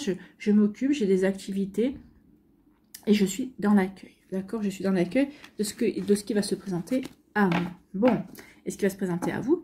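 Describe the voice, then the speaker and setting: Female card reader, soft-edged husky tone, gentle and reassuring guide. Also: medium pitch. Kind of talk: intuitive card reading addressed to the viewer.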